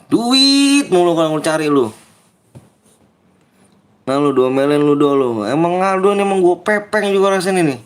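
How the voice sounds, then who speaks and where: A man's voice: sits high, expressive, normal speed, pauses often, smooth. A young man with a Betawi Jakarta accent chatting casually and teasing viewers during a game livestream. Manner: teasing, playful, often mimics viewers' pleas. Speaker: livestream gamer.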